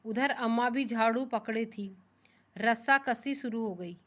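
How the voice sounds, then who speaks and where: A fairly high-voiced woman teaching a primary class. She reads a story line by line, slows down for the text, then retells it in plainer words and keeps asking the children questions. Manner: rereads lines slowly then explains them in simpler words; asks the class rhetorical questions. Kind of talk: reading and explaining a children's story.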